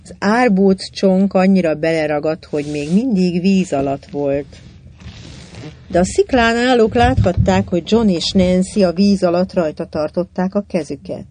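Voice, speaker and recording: An audiobook narrator reading a children's adventure novel in an even storytelling manner. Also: mid-range voice. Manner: even storytelling, lively in dialogue.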